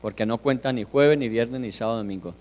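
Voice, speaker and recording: A man preaching a sermon, firing rhetorical questions and swinging from hushed asides to loud declarations. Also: medium pitch, a little fast. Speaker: pastor.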